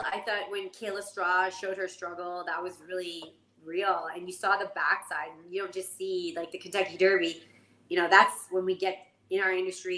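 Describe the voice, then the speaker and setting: A woman in her forties from Canada, a jockey guest telling stories in an animated, casual way full of fillers. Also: on the low side. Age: 40s. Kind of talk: casual interview storytelling. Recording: echoey room, faint noise.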